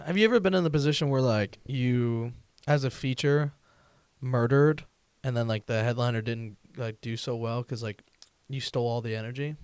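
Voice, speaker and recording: A man hosting a comedy podcast, chatting loosely with lots of fillers and a quick laugh. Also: medium pitch, a little mellow, clear, resonant tone, no room sound. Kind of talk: casual chat.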